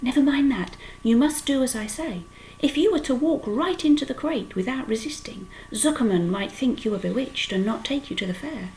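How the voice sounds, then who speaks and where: A woman reading aloud and voicing a wise, bossy old female sheep who gives urgent, hushed orders. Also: fairly high pitch, animated, moderate pace, a little hiss or hum, voice pushed up, low-quality recording. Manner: urgent whispered instructions.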